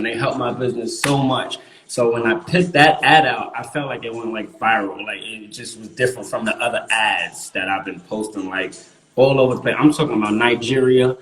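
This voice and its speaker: A guest artist from Queens, New York, chats casually in an interview, speaking emphatically, repeating himself and using street slang. His mid-range voice is a bit bright, and the poor audio is reverberant.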